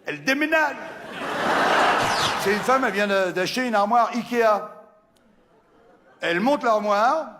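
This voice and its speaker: A man's voice: sits high, fairly bright tone. A man telling crude jokes on stage with punchy delivery, recorded with a long hall reverb. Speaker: stand-up comedian.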